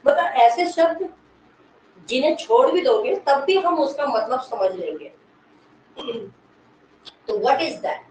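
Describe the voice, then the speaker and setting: A woman English literature teacher giving an exam-prep lecture, explaining slowly, repeating key words and quizzing the class. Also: high-pitched, lively intonation, darkish tone. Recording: echoey room, mic far from speaker, faint noise.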